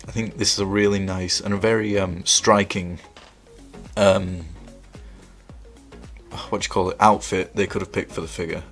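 A toy reviewer with a cold chats enthusiastically while reviewing toys at an indoor table, his hands on camera. His voice is deep, congested and creaky, yet fairly bright in tone, making for a casual toy review.

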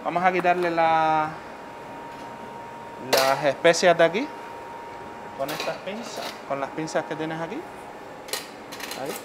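Unhurried and leaving long pauses, a middle-aged chef with a fairly high voice walks through a dish step by step. The cooking demonstration takes place in a professional kitchen full of noise, and he often checks in with his listener using "vale."

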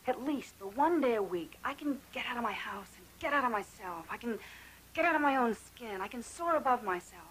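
A woman's voice: on the high side, animated, brisk, fairly bright tone, slight background noise, low-quality recording. An actress in her thirties playing a bitter, witty woman on a psychiatric ward in a 1970s TV movie, sardonic and emotional. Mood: heated. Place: hospital ward room.

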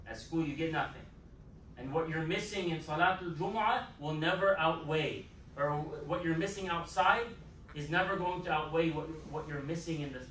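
A man's voice: on the high side, fairly bright tone, slight background noise. A man giving a Friday sermon as imam in a mosque, emphatic and repeating his key phrases. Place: mosque prayer hall. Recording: echoey hall, mic far off.

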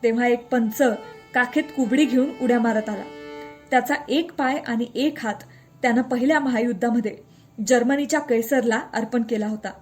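Brief: a woman with a high voice reading a short story aloud, steady and clear, soft music underneath. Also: normal speed. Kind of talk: scripted story narration.

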